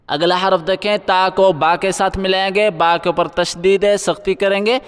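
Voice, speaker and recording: A man teaching Quran reading with tajweed, spelling out syllables and chanting words slowly, then explaining the rules quickly. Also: high-pitched, fairly even intonation, clear, resonant tone, big-room sound.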